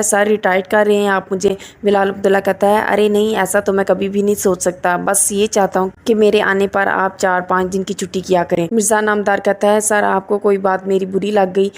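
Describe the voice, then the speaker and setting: A woman reviewer narrating a scripted recap of a drama episode, reading the characters' lines in her own voice. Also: mid-range voice.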